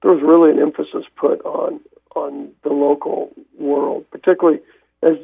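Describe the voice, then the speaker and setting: A man's voice: a little high, flat delivery, moderate pace. An older man, a veteran newspaper man, chatting casually as a radio guest, rambling with many restarts. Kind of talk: casual radio call-in chat. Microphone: telephone. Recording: gravelly voice over a tinny phone line.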